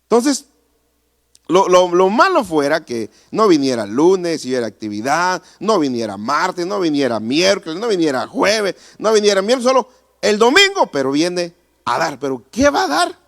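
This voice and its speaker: Lively animated preaching pastor. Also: male voice, high-pitched, normal speed, creaky. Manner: animated preaching, rhetorical questions to the congregation. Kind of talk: sermon. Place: church.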